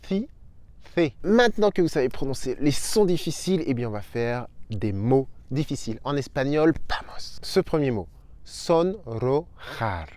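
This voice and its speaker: A young adult man giving an upbeat online language lesson, slowly spelling out sounds for his viewers. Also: mid-range voice, animated, a little mellow. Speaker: Spanish teacher.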